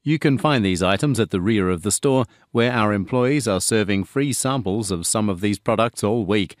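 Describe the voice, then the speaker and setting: A man reading a polite supermarket announcement for a listening test, in an even, measured studio delivery. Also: on the low side, dry recording, close to an everyday voice. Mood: announcing. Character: adult male supermarket announcer, polite and upbeat. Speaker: store announcer.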